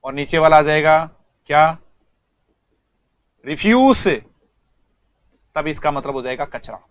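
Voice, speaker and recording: A man's voice: on the high side, level tone, brisk, smooth, dry recording, studio quality. A male English teacher giving an online vocabulary lesson, speaking, repeating words and quizzing students.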